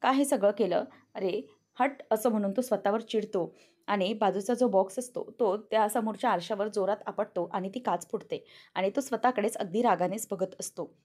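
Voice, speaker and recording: A woman's voice: medium pitch, a little fast, darkish tone. A young woman narrating a TV serial episode as a spoken story, voicing the characters' lines herself. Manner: narrates plainly, then lifts her voice for characters' quoted lines. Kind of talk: storytelling recap with acted-out dialogue.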